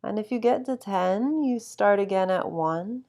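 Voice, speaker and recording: A woman guiding a sleep meditation with calm, soothing instruction and long, unhurried pauses. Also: mid-range voice. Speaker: meditation guide.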